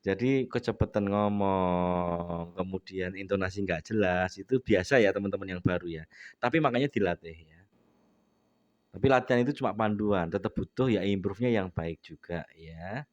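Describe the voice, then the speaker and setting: A man's voice: deep voice, normal speed, darkish tone, no echo, lo-fi sound. Indonesian man teaching with a runny nose. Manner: mixes Indonesian and English, frequent tag "ya". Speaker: English teacher. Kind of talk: bilingual speaking lesson.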